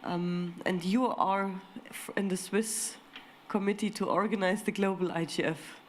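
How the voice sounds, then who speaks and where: A woman's voice: mid-range voice, steady tone, measured pace, a little hiss or hum. A woman moderating a conference discussion informally, speaking off the cuff to participants. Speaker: meeting moderator.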